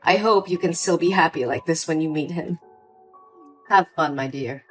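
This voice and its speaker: A woman's voice: sits low, moderate pace, close to an everyday voice. A woman voicing a cold, condescending older mother in a story drama, with faint music behind. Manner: cool, condescending.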